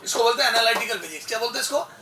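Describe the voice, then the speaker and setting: A male physics teacher giving an animated exam-prep lecture, asking rhetorical questions and calling the student son. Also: very high-pitched, rapid-fire, far from the mic, noisy background. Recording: echoey room, voice off-mic.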